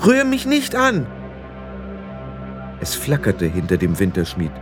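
Expressive male audiobook narrator, does character voices, faint music underneath. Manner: expressive, raises pitch for the girl's lines.

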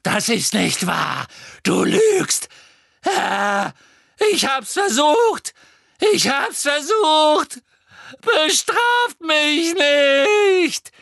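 A man's voice: very high voice, big pitch swings, very slow, gravelly, a bit bright, no room sound, studio quality, voice pushed up, heavily acted. A man doing a shrieking frantic witch. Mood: desperate. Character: shrill frantic female witch, cruel and fearful.

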